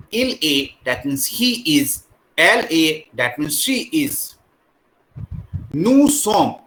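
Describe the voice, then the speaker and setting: Indian guy teaching french in a classroom, very slow, bright voice, repeats stuff over and over. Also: fairly high pitch, slight background noise, poor audio. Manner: slow, repetitive drilling, mixing English and Hindi. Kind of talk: classroom lesson.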